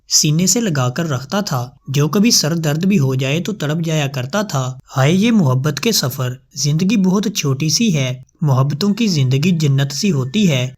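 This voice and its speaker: A man narrating an emotional love story as a storyteller, in a melodramatic, sorrowful manner. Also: fairly high pitch.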